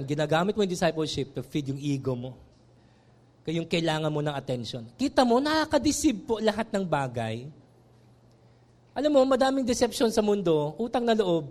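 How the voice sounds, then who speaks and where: A middle-aged man preaches a sermon, animated and switching into English. His voice sits very high for a man and swings widely in pitch. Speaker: pastor.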